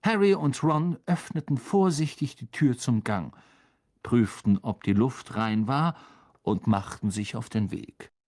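Slow, gravelly audiobook reader. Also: mid-range voice, lively intonation, darkish tone. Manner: measured storytelling with voiced characters. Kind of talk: audiobook narration.

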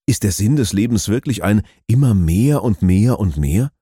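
A man giving scripted documentary narration in a measured, explanatory way. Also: on the low side, expressive, warm tone, husky, dry recording, clean studio sound.

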